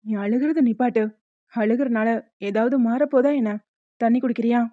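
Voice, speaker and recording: Gentle young husband, voiced by a woman. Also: fairly high pitch, fairly even intonation, moderate pace, dry recording, narrow, tinny audio, close to an everyday voice. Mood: soothing. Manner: soothing, patient reassurance. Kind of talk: cartoon voice acting.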